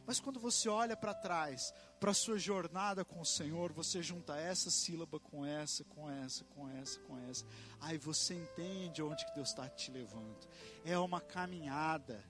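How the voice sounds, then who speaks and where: A man's voice: very high voice, fairly bright tone. A man preaching a sermon, emphatic and rhythmic, repeating phrases and calling out amen to the congregation.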